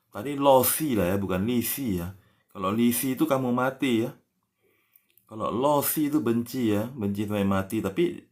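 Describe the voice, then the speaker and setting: A man giving a casual language lesson, patiently explaining words and spelling them out letter by letter, ending many phrases with a soft "ya". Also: lowish voice. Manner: frequent tag "ya" after phrases. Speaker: language teacher.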